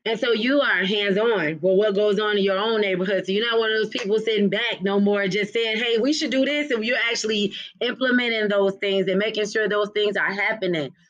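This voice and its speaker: A man's voice: high voice, steady tone, a little fast, few pauses, a bit bright, muffled recording. A man hosting a casual interview, asking questions and answering with encouraging affirmations. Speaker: podcast host.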